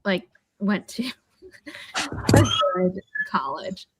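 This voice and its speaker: A woman guest in a casual chat, reacting quickly and laughing as she tells stories. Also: mid-range voice, very animated, background noise.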